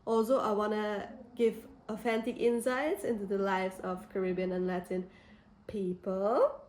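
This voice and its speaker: A woman's voice: mid-range voice, fairly even intonation, unhurried, a little mellow, echoey room. A young woman from Austria, introducing her vlog channel in an earnest, enthusiastic way. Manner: earnest, enthusiastic, list-like delivery. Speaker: content creator.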